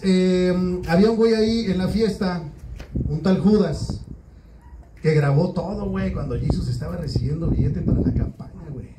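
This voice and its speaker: A man's voice: high voice, warm tone, far from the mic. A man with a Mexican accent doing a crude, slang-heavy stand-up routine. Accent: Mexican Spanish. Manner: crude, slangy storytelling, frequent "güey". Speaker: stand-up comedian. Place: small open-mic venue. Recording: roomy, from off-mic with faint room noise.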